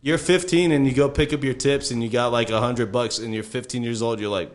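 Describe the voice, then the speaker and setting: A man's voice: mid-range voice, steady tone, fairly quick. A man in his late twenties hosting a casual podcast, with loose, profane banter. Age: 20s. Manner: profane, laid-back banter. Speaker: podcast host.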